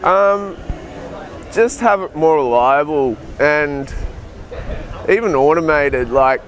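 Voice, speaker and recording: A man with a fairly high voice speaks very slowly in a casual vox pop. There is faint noise around him. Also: animated. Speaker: member of the public.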